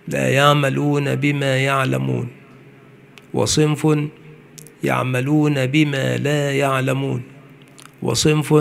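Guy preaching, monotone, gravelly, slow and steady. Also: medium pitch. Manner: measured, slows on key points. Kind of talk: religious lecture.

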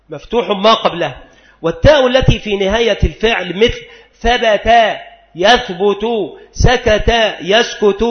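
A man teaching a lecture, repeating each rule and slowing down to spell out examples. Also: high-pitched. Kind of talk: recorded classroom lecture. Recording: roomy, dull lo-fi recording.

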